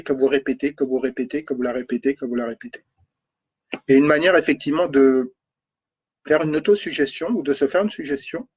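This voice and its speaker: His voice is husky and pitched fairly high, and he's clearly got a runny nose as he coaches listeners on energy and spirituality. Repetition fills his speech as he works through ideas aloud, punctuating them with "d'accord?", or "okay?". It's a dull, low-fidelity recording.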